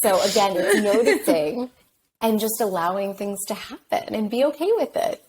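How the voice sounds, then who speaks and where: A woman's voice: mid-range voice, moderate pace, slightly rough, poor audio. Reassuring woman coaching in conversation. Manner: reflective, reassuring, gently coaching. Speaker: life coach guest. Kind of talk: conversational podcast interview.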